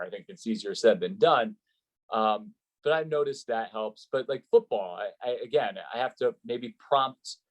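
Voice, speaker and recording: On a rough recording, a man with a medium-pitched voice talks in an interview about being a sports play-by-play announcer. He offers advice conversationally, with earnest emphasis.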